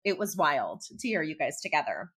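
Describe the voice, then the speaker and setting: A woman interviewing casually, effusive and admiring, with halting conversational phrasing. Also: deep voice, big pitch swings, fairly bright tone. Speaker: podcast interviewer.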